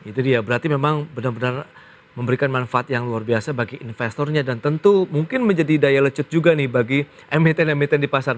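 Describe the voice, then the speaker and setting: A polished male TV business anchor. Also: mid-range voice. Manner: polished, affirming, frequent acknowledgments. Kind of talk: live TV interview hosting. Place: TV studio.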